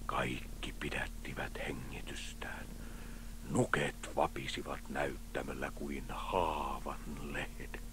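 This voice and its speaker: A man narrating a storybook cassette expressively, dropping to hushed tones for effect. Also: a bass voice, little pitch movement, background noise.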